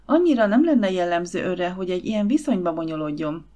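A woman's voice: fairly low pitch, lively intonation, mellow, lightly acted. A woman voicing a gossipy, snide society lady in an audiobook, speaking with an insinuating edge.

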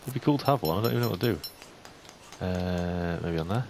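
A young man giving casual game commentary, chatting to the animals in the game and getting jumpy and excitable. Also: sits low, normal speed. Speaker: gaming YouTuber. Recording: faint hiss.

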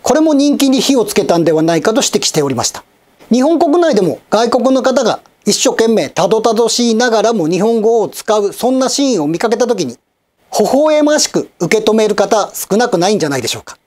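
A man in his fifties hosting a channel, giving polite, measured, scripted news-style commentary with wry asides. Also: high voice, sing-song, darkish tone. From Japan, Osaka and Kochi.

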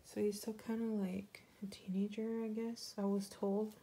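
A young woman talks casually to her vlog audience in a mellow, rounded voice. She rambles through stories and leans on "like" as she goes. Now and then she slips into cooing baby talk with her rabbit. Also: medium pitch, flat delivery, normal speed. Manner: rambling storytelling full of "like" fillers. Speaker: vlogger. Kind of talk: casual chat.

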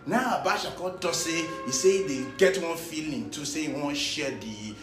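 A man's voice: on the high side, moderate pace, over music. A man with a Nigerian Pidgin accent telling a comic story, chuckling often as he goes. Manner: animated, chuckling through his tale. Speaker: comedian. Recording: roomy echo.

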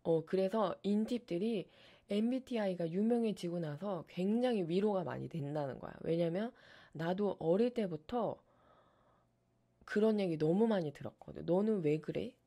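A woman who streams ASMR, chatting casually on her live stream and telling stories with animated energy and frequent laughs. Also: fairly low pitch, normal speed.

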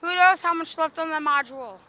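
A young woman hosting casual gameplay chat outdoors, excitable and jokey. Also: extremely high pitch, brisk. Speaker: channel host playing a mobile game. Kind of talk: casual chat while walking.

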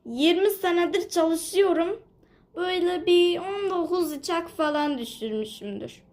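A woman's voice: very high-pitched, measured pace, a little mellow. A woman voicing a male pilot pet in a toy figure video, offhand and teasing.

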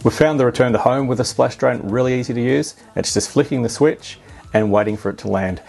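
A man's voice: medium pitch, fairly quick, gravelly, darkish tone, faint music behind. A man with an Australian accent gives a matter-of-fact product review as a voice-over, explaining features plainly. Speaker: drone reviewer.

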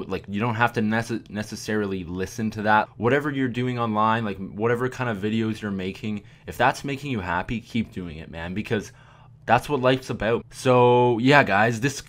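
A young man giving a casual, candid commentary to his viewers, relaxed and chatty with frequent fillers. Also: lowish voice. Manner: laid-back, candid, with fillers like "man" and "you know". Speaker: YouTube commentator.

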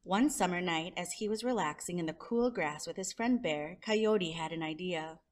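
A woman storyteller and show host reads a children's picture book aloud expressively, drawing out the descriptive words. Her voice is on the low side and she reads at a moderate pace.

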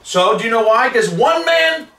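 A man's voice: extremely high pitch, expressive, normal speed, pushed and bright. Fervent male preacher in a roomy space. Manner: fervent preaching with reading from scripture. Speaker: street preacher. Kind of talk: sermon. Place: living room with wood paneling. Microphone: far camera. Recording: roomy sound from a distant camera.

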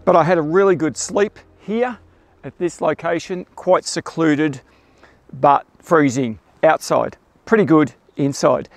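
With a fairly high voice and a slightly slow pace, a man vlogs about astrophotography, eagerly explaining his work to camera. The clip-on mic recording has no echo, and the setting moves from the bush at night to a bush camp in the morning.

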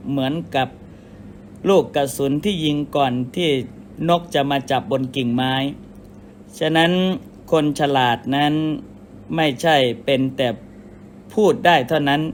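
A man, a Buddhist monk, giving a measured dharma sermon and explaining with everyday comparisons. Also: fairly high pitch, steady tone, slight background noise.

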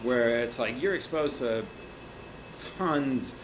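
A man's voice: medium pitch, takes it slowly, background noise. A middle-aged man from Mexico, a printmaker, talking casually in an interview in his studio, loose and rambling with lots of fillers. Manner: relaxed, rambling, many "you know" and "like" fillers, gestures with hands. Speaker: printmaker and art teacher, interview guest. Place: indoor art studio.

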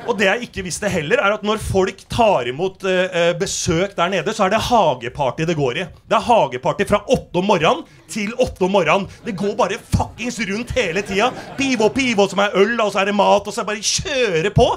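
A male stand-up comedian on a theater stage, telling a story in a brash, animated way with plenty of swearing. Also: sits high, hardly any pauses. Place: theater stage before a live audience.

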